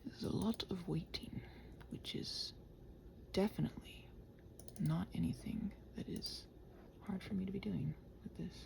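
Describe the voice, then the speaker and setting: Her voice is lowish, creaky, and darkish, and she talks at a measured pace with long pauses. As an ASMR and audio channel creator, she keeps listeners company in a loose body-doubling chat, mumbling to herself, sometimes whispering, and adding teasing, sarcastic remarks.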